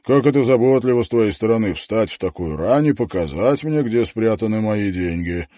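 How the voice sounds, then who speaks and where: A man reading aloud plays a menacing male hunter who mocks and gloats, loud and taunting. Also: medium pitch, a little fast, no echo, studio quality, natural voice. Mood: gloating.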